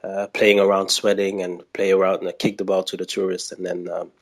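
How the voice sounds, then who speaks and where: This podcast guest is a man from Aruba with an Aruban accent, chatting casually in an interview and often searching for words. He speaks briskly in a low, flat voice.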